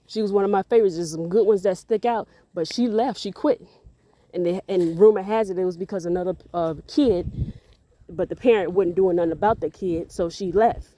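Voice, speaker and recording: A woman with a warm, mid-range voice speaks fairly quickly in a casual vlog, telling a rambling, faith-filled parenting story as she walks outdoors. Earnest and a bit out of breath, she repeats words as she goes. She is a parent vlogger.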